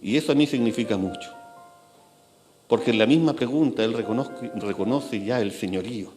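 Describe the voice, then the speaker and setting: A man preaching a sermon in church, repeating phrases and slowing down, dropping low to stress key words. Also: a little mellow, soft background music. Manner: slows and drops low for emphasis, repeats phrases. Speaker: pastor.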